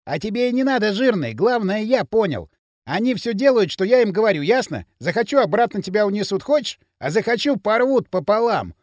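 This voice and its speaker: A man's voice: high-pitched, sing-song, a little fast, dry recording, studio quality, pitched above the performer's own voice. A man voicing a brash, cocky young man who jeers and bosses his friend in loose street talk. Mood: swaggering.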